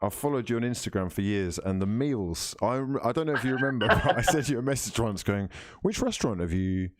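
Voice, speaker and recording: A man hosting a live fan football watch-along, commentating in an informal, excitable, matey way. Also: medium pitch, fast, slight background noise.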